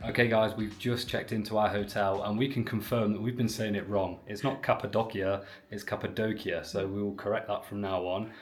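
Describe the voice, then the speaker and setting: A man's voice: fairly low pitch, steady tone, a little fast, hardly any pauses. A British man talking casually to camera in a travel vlog, chatty and upbeat. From Britain. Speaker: travel vlogger. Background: music.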